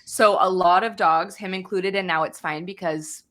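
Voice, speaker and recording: A woman's voice: on the low side, steady tone, normal speed, fairly bright tone. A woman co-hosting a casual chat from her home office, rambling and laughing as she tells a story. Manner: rambling, laughing, lots of fillers and restarts. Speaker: podcast co-host.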